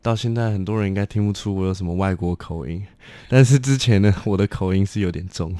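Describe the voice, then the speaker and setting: Low-voiced young man. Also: quick pace, mellow, dry recording. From Taiwan. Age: young adult. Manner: chatty, loose sentences with many fillers. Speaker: guest singer-songwriter. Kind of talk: casual chat.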